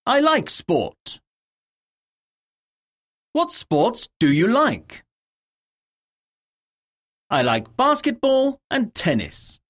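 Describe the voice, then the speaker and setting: A woman narrates a scripted English lesson, reading words, questions and dictation with deliberate enunciation and pauses, in a medium-pitched voice with a breathy edge.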